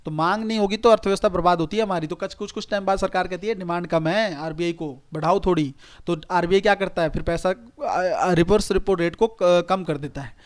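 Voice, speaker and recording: A man, teaching a recorded online exam-prep lecture. He talks straight to his students in a chatty, repetitive way. He keeps checking that they follow and tells them to note things down. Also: sits high. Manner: conversational, repetitive teaching with frequent "okay" checks.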